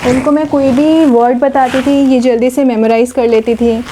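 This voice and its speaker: Mellow-voiced mother answering a reporter. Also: high-pitched, fairly even intonation, moderate pace, a little hiss or hum, low-quality recording. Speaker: mother of the interviewed children. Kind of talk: interview answers.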